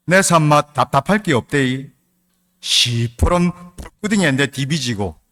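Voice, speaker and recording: A man reading a psalm aloud in a broad Gyeongsang dialect, loud and drawn out. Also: mid-range voice, in a large hall.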